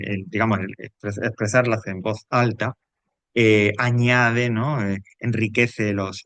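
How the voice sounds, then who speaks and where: A man's voice: lowish voice, a bit bright, dry recording. A man with a Peninsular Spanish accent explaining grammar as a teacher in a recorded lesson, hesitant, with frequent fillers and checking questions.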